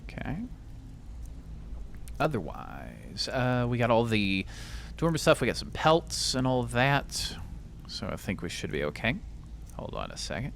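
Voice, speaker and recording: Slow, lively-pitched man gaming. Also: gravelly, noisy background. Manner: rambling, joking asides. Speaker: gamer. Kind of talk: let's play commentary.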